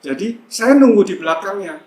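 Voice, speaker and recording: A man's voice: high-pitched, lively intonation, normal speed, darkish tone. A man telling a testimony in a church service, chatty and full of fillers. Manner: chatty, storytelling, frequent fillers. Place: church hall. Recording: echoey church with faint ambience.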